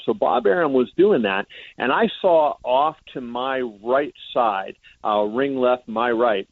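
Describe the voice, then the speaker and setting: A man's voice: mid-range voice, no room sound. A man, a reporter guest on a radio show, telling a story at length with many "uh" fillers. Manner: rambling, frequent "uh" fillers. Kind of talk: storytelling in a phone-in interview. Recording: dry tinny phone line.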